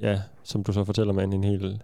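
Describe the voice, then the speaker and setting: A man's voice: deep voice, completely flat delivery, creaky, mellow, no echo. A man co-hosting a podcast in a studio, talking casually and hesitantly with many fillers. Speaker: podcast co-host.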